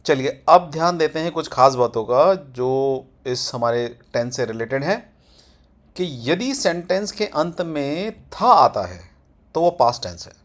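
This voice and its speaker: A man teaching grammar in Hindi, drawing out example sentences slowly for pronunciation. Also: a little high, big pitch swings. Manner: slow, drawn-out model sentences for pronunciation. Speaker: English teacher. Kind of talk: Hindi-medium grammar lesson.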